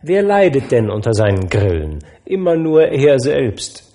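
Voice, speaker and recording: A man reading aloud, voicing a cheerful, good-natured young nephew at a holiday dinner with a warm, emphatic manner. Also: medium pitch, big pitch swings, measured pace. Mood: amused.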